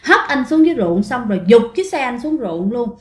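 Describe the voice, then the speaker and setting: A woman tells ghost stories in a chatty, familiar manner, constantly turning to her listeners. Her voice is fairly high, and the room around her gives it a noticeable echo. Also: very animated, brisk. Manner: chatty, addresses listeners often. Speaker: ghost story narrator. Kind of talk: casual spoken storytelling. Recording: roomy echo.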